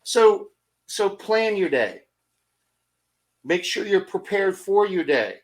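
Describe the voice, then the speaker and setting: A middle-aged man on a motivational podcast, telling energetic stories full of rhetorical questions and acted-out asides. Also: high-pitched, slow pace. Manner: acts out his own thoughts in quoted asides. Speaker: podcast guest.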